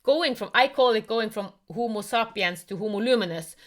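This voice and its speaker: A woman hosting a casual online conversation who speaks earnest, halting English full of spiritual talk. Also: on the high side, fairly bright tone. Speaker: host. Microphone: online call.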